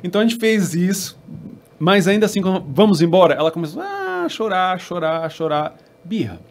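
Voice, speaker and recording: A man's voice: high-pitched, big pitch swings, normal speed. A Brazilian man hosting a podcast, telling stories in a thoughtful way with many restarts. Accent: Brazilian Portuguese. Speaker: podcast host. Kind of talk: casual chat.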